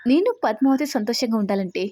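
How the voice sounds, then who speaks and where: A woman voicing an angry, jealous young man who shouts his accusations in a storybook retelling. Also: fairly high pitch, animated, fast, a little hiss or hum, close to an everyday voice. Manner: furious, accusing, raised voice.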